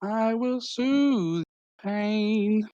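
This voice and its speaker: A man's voice: high-pitched, huge pitch swings, slow pace, creaky, no room sound, dull audio, voice pushed up, exaggerated voice. Man putting on a valley-girl bard student. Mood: crooning. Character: bubbly young female bard student.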